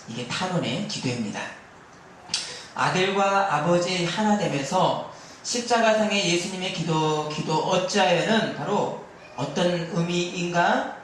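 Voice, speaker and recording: The sermon comes from a male pastor whose voice is on the high side, pressing listeners with rhetorical questions and appeals for amen. It was recorded far from the mic in a very echoey sanctuary during an afternoon service, with a little hiss or hum.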